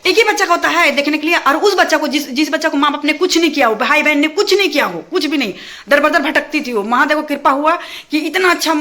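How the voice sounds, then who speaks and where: A woman vents to her viewers in a heated, rapid rant. She repeats herself and pushes each point. Her voice sits fairly high and rings bright and cutting. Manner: talks fast and heated when angry, repeats phrases. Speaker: vlogger addressing her viewers. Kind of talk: angry casual rant to camera.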